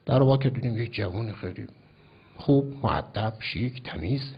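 A man's voice: fairly low pitch, animated, creaky, slightly rough. A man from Iran, a cleric telling a story in a sermon, emphatic and acting out the dialogue. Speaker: cleric preacher. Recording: dull lo-fi recording.

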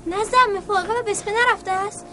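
An actress playing an earnest young child in a period drama, speaking and calling out in formal diction. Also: female voice, very high voice. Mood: worried. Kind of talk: dramatic period television acting.

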